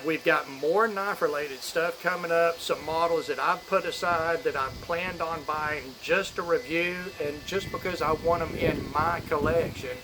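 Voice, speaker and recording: A man's voice: on the high side, poor audio. A man talking casually to camera as a channel host, rambling and opinionated, in an informal way. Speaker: knife review channel host. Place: outdoors on a back porch in a storm. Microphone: phone camera. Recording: windy outdoor phone audio, storm noise.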